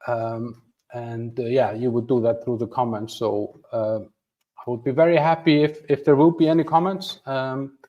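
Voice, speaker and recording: This lo-fi clip features a man in his fifties from Iceland, hosting a livestream from a home room with a flag behind him. His mid-range voice keeps a fairly even intonation at a moderate pace as he chats casually with viewers, self-deprecating and restarting often.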